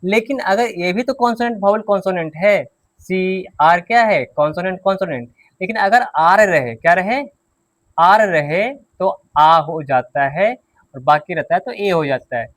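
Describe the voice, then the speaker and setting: A man's voice: sits high, lively intonation, normal speed, a bit bright, no echo. A man teaching an English grammar and pronunciation class, patiently repeating key points and quizzing his students.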